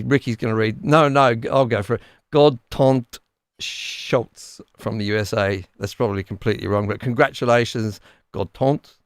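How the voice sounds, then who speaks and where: A man's voice: mid-range voice, vocal fry, smooth, no room sound, studio quality. A man hosting a casual livestream giveaway. He chats loosely, often stumbles over his words and laughs easily. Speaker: livestream host.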